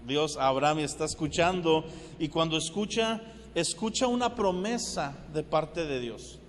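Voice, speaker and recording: A man's voice: a little high, lively intonation, normal speed, slight background noise. A man preaching a sermon, telling the story conversationally and checking in with his listeners. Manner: storytelling, conversational, asks "¿verdad?" often. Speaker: pastor. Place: church hall. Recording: long reverberant hall.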